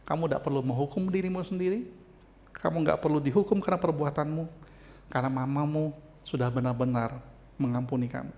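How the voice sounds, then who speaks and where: A preacher putting on a tender mother who speaks softly and low to calm her frightened young child. The voice sits slightly deep for her and stays quiet and reassuring throughout, like a sermon storyteller briefly stepping into her part. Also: brisk, highs cut off, lightly acted. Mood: gentle. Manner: soft, soothing, reassuring.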